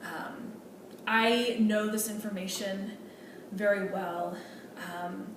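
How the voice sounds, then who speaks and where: A woman's voice: medium pitch, steady tone, takes it slowly. A woman playing an earnest female medical student in a role-play meeting, speaking politely and hesitantly with many fillers and restarts. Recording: echoey room, distant mic, noisy.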